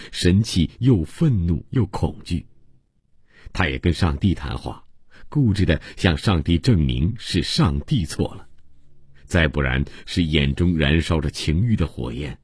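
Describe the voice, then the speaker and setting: A man narrating a translated novel for radio in a measured, even storytelling manner, close on a studio microphone. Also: sits low, slightly rough, no echo. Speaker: audiobook narrator.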